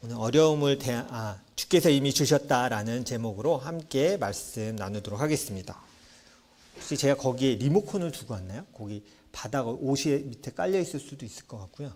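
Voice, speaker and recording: Pastor guy preaching in church, acts out kids and parents, really animated pitch. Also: fairly quick. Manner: lively storytelling, acts out children and parents. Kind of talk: sermon. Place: church sanctuary.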